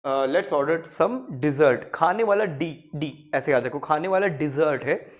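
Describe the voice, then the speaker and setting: A young man with an Indian accent teaching English pronunciation in a casual spoken lesson. He repeats words over and over in drills and slows right down for the English phrases. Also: on the high side, expressive.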